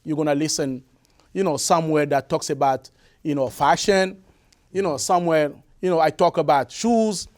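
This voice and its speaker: A musician from the Republic of the Congo, whose first language is Lari, answers interview questions in a radio or TV studio. His voice is fairly high with a darkish tone, and he speaks haltingly, full of fillers and restarts.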